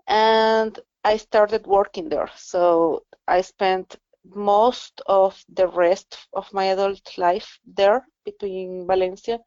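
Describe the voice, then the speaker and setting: A woman from Venezuela, calmly recounting her life in an interview, often repeating words while she finds them. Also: medium pitch, no echo, lo-fi sound. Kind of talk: reflective personal account.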